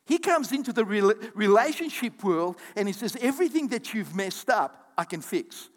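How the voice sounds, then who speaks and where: With lively, animated preaching, a pastor addresses his congregation, his high voice jumping in pitch. He has the audience echo words back and slips in brief asides during the sermon. A long reverb carries his voice around the hall.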